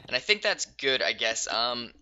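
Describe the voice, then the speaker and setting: Here a man who makes gaming videos builds in a game and comments casually, pausing often, using fillers, and now and then getting suddenly excited. His medium-pitched voice is smooth, though the audio comes across dull.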